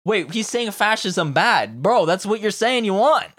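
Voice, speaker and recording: A man hosting a podcast, talking in an animated, profane, casual way and laughing often. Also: sits high, a little slow, no room sound, studio quality. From Canada. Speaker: podcast host. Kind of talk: casual chat.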